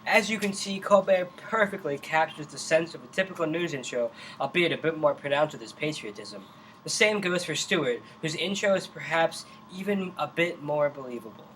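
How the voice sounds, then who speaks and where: Higher-voiced man as parody news co-anchor. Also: lively intonation, normal speed, fairly bright tone, rough recording. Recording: faint background noise.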